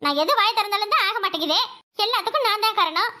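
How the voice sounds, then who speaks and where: A woman's voice: very high voice, animated, quick pace, sharp tone, exaggerated voice. A woman with a Tirunelveli Tamil accent voicing a hurt young wife who reproaches and pleads with her husband in a cartoon. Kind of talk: cartoon voice acting.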